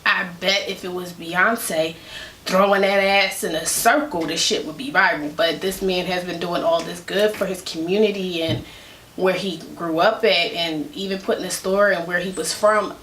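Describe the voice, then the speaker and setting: A woman's voice: on the low side, steady tone, moderate pace, a bit bright, slight background noise. A woman vlogging from home, chatting casually and giving her opinion with rambling asides. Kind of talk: casual commentary to camera. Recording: echoey room.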